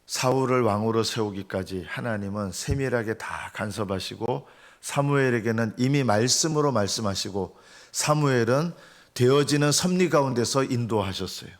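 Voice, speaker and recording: A middle-aged male pastor gives an early-morning sermon in a voice of average pitch. He preaches earnestly and keeps asking the congregation questions before he answers them himself. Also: moderate pace. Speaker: senior pastor.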